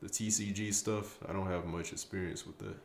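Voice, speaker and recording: A man's voice: low-pitched, steady tone, a little fast, creaky, roomy sound, slight background noise. A tired young man chatting casually on a late-night stream, rambling and stumbling over his words, with self-mocking trash talk. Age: young adult. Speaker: streamer answering chat.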